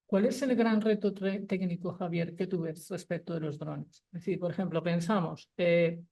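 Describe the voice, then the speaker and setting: Mellow-voiced woman moderating a talk. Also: lowish voice, steady tone, moderate pace. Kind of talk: panel questions.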